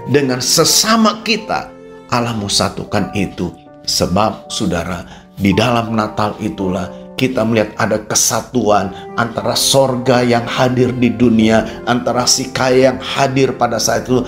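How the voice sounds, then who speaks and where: A male Indonesian-accented pastor delivering a radio sermon in an everyday mid-pitched voice. He keeps turning to address his listeners directly, dropping low and quiet, then rising into emphatic peaks. Faint instrumental music plays softly behind him. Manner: addresses listeners as "Saudara" constantly. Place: radio studio.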